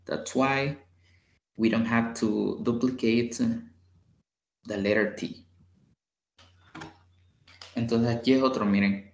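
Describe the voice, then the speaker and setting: Slow, low-voiced man tutoring grammar. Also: reverberant. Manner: patient, repeats example words slowly. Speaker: English tutor. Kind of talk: bilingual grammar lesson.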